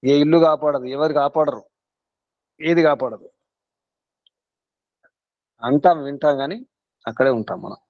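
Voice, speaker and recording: A man's voice: fairly high pitch, a little slow, pauses often, dry recording, lo-fi sound. A man with a Telugu accent, a guru giving a spiritual discourse to his students. He urges them on in earnest, repeating his points again and again. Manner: earnest, repetitive exhortation. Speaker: guru teaching a spiritual class.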